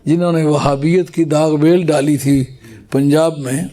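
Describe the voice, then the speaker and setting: Mellow-voiced male religious scholar. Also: on the high side, fairly even intonation. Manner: explanatory, recites Arabic phrases slowly. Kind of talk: scholarly religious talk to a gathering.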